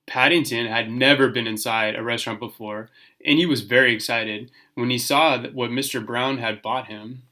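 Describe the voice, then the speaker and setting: A man's voice: medium pitch, steady tone, normal speed, sharp tone. A man reading a children's story aloud, acting it out for young listeners and sometimes stumbling over words and rereading them. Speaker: storybook reader.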